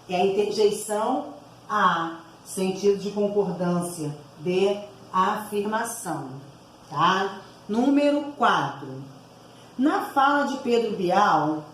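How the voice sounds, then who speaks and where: A woman's voice: medium pitch, echoey room, slight background noise, poor audio. A woman teacher going through exercise answers aloud for her class, explaining each item and often checking in with her listeners. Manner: explanatory, frequent tag words asking for agreement.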